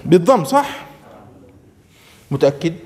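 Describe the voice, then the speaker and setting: A man's voice: a little high, big pitch swings, measured pace, darkish tone, in a large hall. A man teaching an Arabic grammar lesson, often checking whether his students understand. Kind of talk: classroom lesson.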